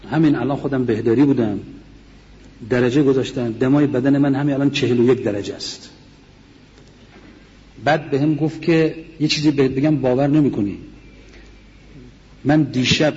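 A middle-aged man and war veteran, recounting memories to an audience in an earnest, measured way, speaking in a large mosque hall. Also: medium pitch, warm tone. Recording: dull sound in a reverberant hall.

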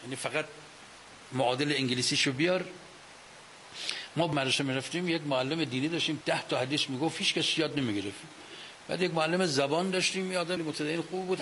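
A man's voice: on the high side, low-quality recording. A man with a slightly raised voice delivers a religious lecture, arguing his case and firing rhetorical questions at his listeners. He speaks into a microphone before an audience. A faint hiss runs under the recording. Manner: animated, argumentative, asks rhetorical questions. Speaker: cleric lecturer.

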